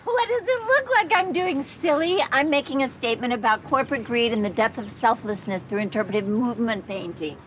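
A woman's voice: fairly high pitch, lively intonation, brisk, hardly any pauses, a little hiss or hum, natural voice. An actress playing a free-spirited, shameless middle-aged mother, breezy and overfamiliar in a TV comedy-drama. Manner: breezy, theatrical, unembarrassed.

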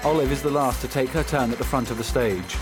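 A man reading scripted audio description of a film in the present tense, in a measured, descriptive way. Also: medium pitch, over loud music.

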